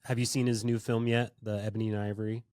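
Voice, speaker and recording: A man's voice: fairly low pitch, flat delivery, fast, a little mellow, dry recording, studio quality. A man hosting a podcast interview in a casual, rambling way, full of fillers and restarts. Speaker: podcast host.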